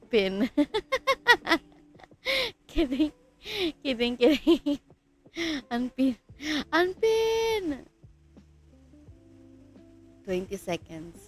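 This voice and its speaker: A woman's voice: a little high, animated, very slow, long pauses. Giggly Filipino woman with a stuffy nose. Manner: giggly, chatty, laughs often. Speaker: livestreamer. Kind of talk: casual livestream chat. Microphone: streaming mic.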